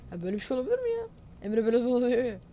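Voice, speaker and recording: A woman narrating her gameplay live, her voice pitched slightly above the usual. She rants in open exasperation and speaks directly to her audience. A faint noise floor sits behind her. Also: big pitch swings, very fast, mellow. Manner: exasperated, ranting, accusing cheaters; talks to viewers directly. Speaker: gamer, channel host.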